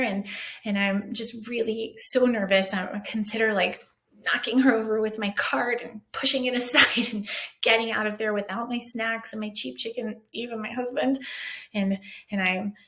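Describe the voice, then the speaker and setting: Animated woman telling a comic story. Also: on the high side, normal speed. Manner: animated, self-mocking and dramatic. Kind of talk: first-person comic storytelling.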